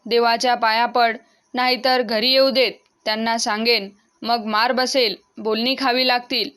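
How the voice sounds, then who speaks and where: Firm loving mom from a storybook, read by a woman, smooth highish voice. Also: little pitch movement, measured pace, a bit bright. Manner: firm, admonishing. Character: loving but firm village mother.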